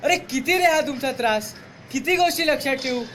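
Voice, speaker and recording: A man's voice: very high voice, fairly quick, a bit bright. A young man playing a whiny phone-hooked little brother. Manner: whiny, apologetic. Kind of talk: short film acting. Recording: outdoor location sound with faint noise.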